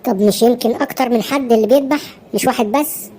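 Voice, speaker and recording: A woman's voice: a little high, fast talker, mellow, natural voice. A woman playing a teasing young Egyptian woman. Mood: curious. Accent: Egyptian Arabic. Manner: teasing, prying. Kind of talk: Egyptian cartoon dub acting.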